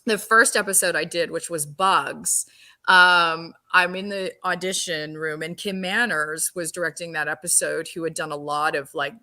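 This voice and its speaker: An actress on a podcast spins a funny behind-the-scenes story in a casual, chatty way. Her voice is bright and forward, and she laughs often and slips into acted-out quotes. The delivery stays animated and loose. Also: on the low side, normal speed. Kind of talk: casual anecdote telling.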